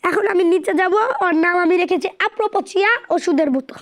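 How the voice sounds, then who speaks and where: Super high voiced woman playing a horror game, yelling and taunting the bad guys. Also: fast. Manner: taunting, shouting at game characters. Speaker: gaming channel host. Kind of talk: excited horror game commentary.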